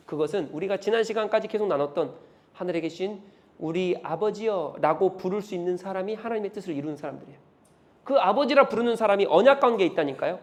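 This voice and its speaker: Male pastor, sermon, high voice, emphatic, rhetorical questions, loud-to-hushed swings.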